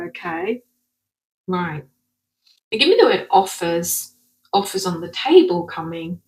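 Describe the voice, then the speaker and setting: A spiritual card reader from Essex, England, speaks in a mid-range voice with an Essex accent, turning her T's into glottal stops. She gives viewers a casual, rambling intuitive card reading, chatty throughout and frequently checking in with "okay?", on a rough recording.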